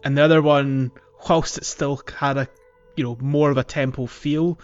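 The host of a podcast chats casually about a video game, hesitating and rambling as he thinks out loud. His mid-range voice is clear and resonant, with fairly even intonation and a moderate pace. Music plays underneath, and the audio sounds slightly dull.

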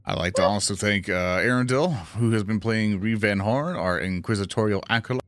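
A man's voice: fairly low pitch, brisk. A man in casual game chat, speaking as a player and host of the show.

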